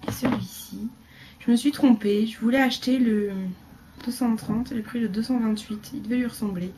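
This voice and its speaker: A woman chatting casually through a beauty haul video, rambling with fillers and dropping into quiet asides. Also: a little high, fairly even intonation, normal speed, slight background noise. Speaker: beauty vlogger.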